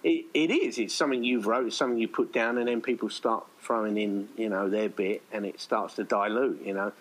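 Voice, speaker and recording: An indie filmmaker appearing as a podcast guest talks casually and rambles, dropping in quoted asides. His fairly low voice is steady and fairly quick, captured in a low-quality recording.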